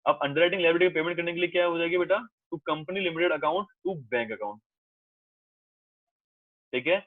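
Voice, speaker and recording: Here a commerce teacher talks a little slowly, his voice slightly high, as he lectures a class. He's coaxing and reassuring, calls the students "beta," and repeats himself a lot, all captured in a dry, tinny recording that sounds like a phone.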